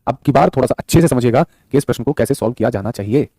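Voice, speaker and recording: Speaking rapid-fire in a warm, mid-range voice, a man hosts a live online exam-prep class on a studio mic with no room sound. Affectionate and repetitive, he calls his students son and brother and reads their chat messages out loud.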